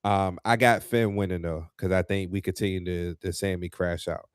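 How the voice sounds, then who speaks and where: A man with a fairly low voice talks through a casual podcast chat, loose and full of slang, with bursts of heated ranting. His voice sits close and dry on the mic, with no room sound around it. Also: normal speed, clean tone, no room sound. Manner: animated, heated when ranting, lots of fillers and slang. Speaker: podcast co-host.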